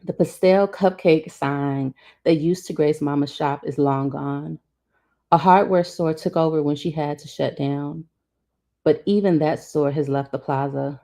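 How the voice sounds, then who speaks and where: A woman's voice: sits low, fairly even intonation, measured pace, warm tone. A woman reading a novel aloud, voicing the dialogue expressively. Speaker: reader.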